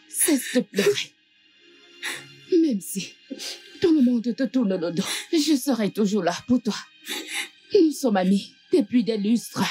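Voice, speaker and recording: A loyal friend in a dubbed film, repeating comfort to someone in tears. She speaks slowly, her fairly high voice moving widely in pitch. Faint music lies underneath. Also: a little mellow. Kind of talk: French film dub.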